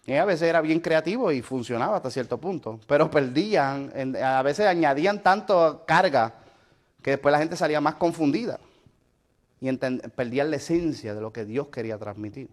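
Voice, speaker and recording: A man's voice: on the high side, expressive, normal speed. A man teaching a Bible study lesson, explaining step by step and checking with listeners whether they follow. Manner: explanatory, asks the listener questions; mixes in English fillers like "so".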